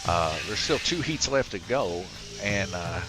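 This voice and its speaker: At a slot car raceway, a man serves as race commentator and track host, giving casual, chatty live commentary full of filler words. His voice is fairly low with lively intonation and an unhurried pace. The low-quality recording has music underneath.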